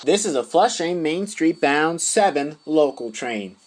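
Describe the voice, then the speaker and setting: A man's voice: a little high, expressive, measured pace, background noise. Man making formal subway announcements.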